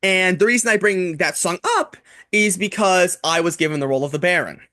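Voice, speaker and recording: A man with a somewhat high voice hosts a casual podcast chat. He rambles, piling up "like" and restarting his sentences. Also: fairly quick, pushed and bright. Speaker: podcast host.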